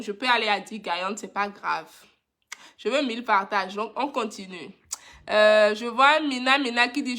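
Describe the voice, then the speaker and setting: Bright chatty woman hosting a live stream. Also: mid-range voice. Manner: chatty and affectionate with viewers. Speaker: live-stream host running a giveaway.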